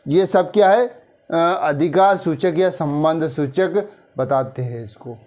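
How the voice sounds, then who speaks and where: A man with a Hindi accent teaching English grammar, explaining slowly and checking in with the class after each point. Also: fairly high pitch, darkish tone. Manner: slow explaining, drawn-out example sentences, frequent "theek hai na" checks. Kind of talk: classroom-style grammar lesson.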